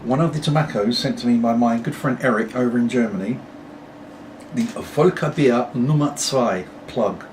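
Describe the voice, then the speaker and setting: With a mid-range, darkish voice at a moderate pace, a middle-aged British man rambles to camera between pipe puffs at home. This pipe-smoking video blogger often interjects apologetic asides. It's recorded on a distant mic with clear background noise.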